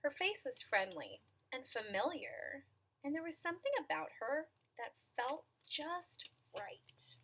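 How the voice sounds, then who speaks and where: A woman reading a children's picture book aloud in an expressive, dramatic manner, with asides to young listeners. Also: high-pitched, a little slow, a little hiss or hum. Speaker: storybook reader.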